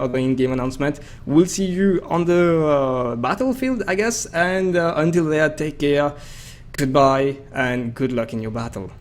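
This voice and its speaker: A man hosting and commentating a game match stream in a casual way, full of fillers and hesitations. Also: medium pitch. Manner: chatty, hesitant with many fillers.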